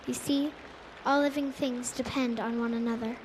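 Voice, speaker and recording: A woman's voice: a little high, steady tone, moderate pace, noisy background, lightly acted. A woman voicing a busy bee that explains patiently in a storybook. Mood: explaining.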